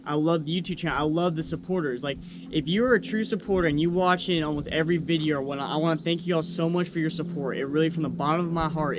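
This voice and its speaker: A man's voice: on the high side, heavy background noise. A young man talking casually and earnestly to his viewers as a vlogger, encouraging them in unscripted speech. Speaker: YouTube truck vlogger.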